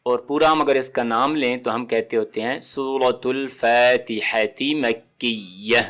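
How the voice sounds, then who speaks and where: Male tutor, calm and mid-pitched, teaching sound by sound and checking in often. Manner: patient, repeats sounds slowly and checks with "theek hai?". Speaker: Quran recitation teacher. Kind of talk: step-by-step tajweed lesson.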